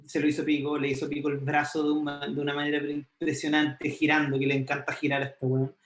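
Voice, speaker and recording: A man's voice: on the high side, fast talker. A man with a Chilean Spanish accent, chatting casually about an anime and acting out scenes as he retells them. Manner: animated, slangy, retells scenes with acted quotes. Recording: echoey room.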